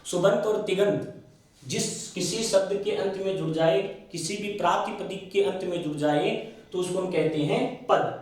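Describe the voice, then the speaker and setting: A man's voice: high-pitched, darkish tone. A man with a Rajasthani Hindi accent teaching Sanskrit grammar in a classroom lecture, posing questions to himself and answering them, stretching out key sounds. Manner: asks and answers his own questions, slows on key sounds. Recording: very echoey room, mic far off.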